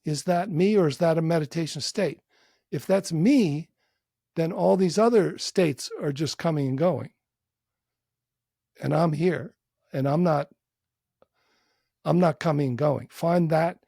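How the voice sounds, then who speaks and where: Man, meditation guide, slightly high voice, dry close sound, calm and gently inviting, long pauses. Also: creaky, no echo. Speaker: psychotherapist and meditation teacher. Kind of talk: guided meditation within a podcast interview.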